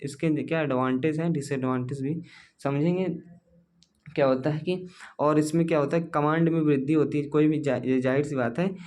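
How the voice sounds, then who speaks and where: Slightly high-voiced male teacher, explaining. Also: steady tone, normal speed, a little mellow. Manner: repetitive, explains step by step with rhetorical questions; friendly, calls students dear and brother. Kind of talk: exam-focused lecture.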